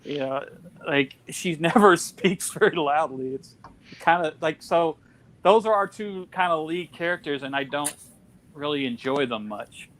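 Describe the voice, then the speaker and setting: A man's voice: a little high, a little slow, fairly bright tone. A man hosting a casual film discussion, chatty with lots of fillers and restarts. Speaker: podcast host.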